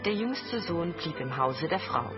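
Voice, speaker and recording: A woman narrating a fairy tale in a calm, measured storytelling voice. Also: lowish voice. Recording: dull lo-fi with faint music.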